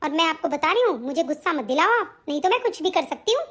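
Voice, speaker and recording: A bullying young daughter-in-law, played by a woman in a home-made family drama, scolding fast and threatening. Her voice is shrill and very high. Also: very animated, a bit bright, exaggerated voice. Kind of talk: hobby family-drama acting.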